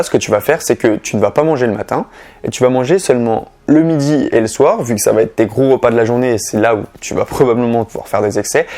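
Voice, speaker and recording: A man's voice: mid-range voice, gravelly, darkish tone. A young man with a French accent giving fitness and diet tips in a casual, direct vlog, talking straight to the viewer. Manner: chatty, direct, addresses viewer informally. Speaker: fitness youtuber.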